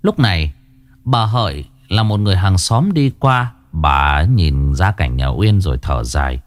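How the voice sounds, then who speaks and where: A man narrating a horror story in a dramatic, measured way. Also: low-pitched, big pitch swings.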